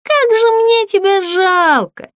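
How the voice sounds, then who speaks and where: Woman putting on a squeaky, bossy toy girl for a storybook, very dry close sound. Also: very animated, normal speed, a bit bright, no room sound. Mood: teasing. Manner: squealing, teasing, very high. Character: shrill bossy boastful girl doll.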